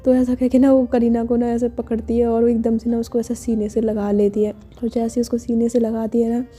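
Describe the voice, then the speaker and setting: A woman's voice: on the high side, flat delivery, a little fast, dark tone, husky. A woman telling a love story in a casual, chatty way, full of fillers. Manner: chatty, filler-heavy narration.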